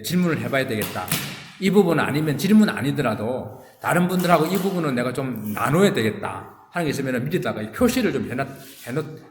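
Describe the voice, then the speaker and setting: A man as a pastor leading a casual Bible study, relaxed and rambling with many fillers and restarts. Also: mid-range voice, a little hiss or hum. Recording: echoey room with long reverb.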